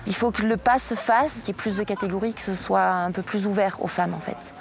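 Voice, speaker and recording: A woman's voice: medium pitch, a little fast, gravelly. A woman from the Barcelonnette valley, an amateur downhill racer and mountain bike guide, chatting casually in an interview. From France, Barcelonnette valley. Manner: relaxed, chatty, uses informal "tu". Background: music.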